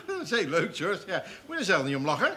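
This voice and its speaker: A man's voice: a little high, creaky, pushed and bright, heavily acted. An actor playing an eccentric, teasing old grandfather in a stage farce, talking in a jovial way. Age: older. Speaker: father and grandfather.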